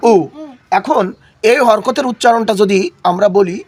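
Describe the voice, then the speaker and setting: A man's voice: sits high, normal speed. A man teaching a Quran reading lesson while unwell. He repeats key words and has his listeners echo them back. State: unwell, coughing. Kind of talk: classroom lesson with call and response.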